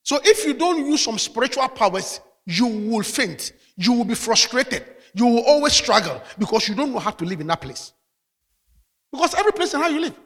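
A man's voice: very high-pitched, big pitch swings, moderate pace, long reverb tail. A man preaching a sermon as pastor, calling out hallelujah between points. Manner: preaching with call-outs of hallelujah.

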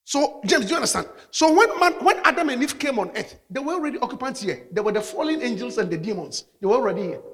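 A pastor preaches a sermon to his congregation in a high, animated voice that rises and falls as he drives each point home. His bright tone rings through a church hall with long reverb, and he speaks fast with hardly any pauses. He punctuates his teaching with calls of hallelujah.

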